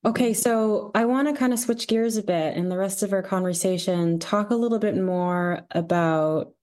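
A woman interviewing a guest in a relaxed conversation, casual and encouraging, with many filler words. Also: medium pitch, moderate pace.

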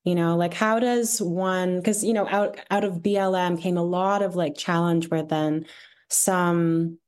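A woman interviewing a guest in a relaxed conversation, casual and encouraging, with many filler words. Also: on the low side, a little slow, clean tone.

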